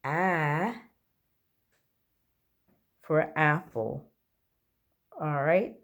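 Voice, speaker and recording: A woman teaching a phonics lesson to young children, patiently drawing out each letter sound. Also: low-pitched. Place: at home.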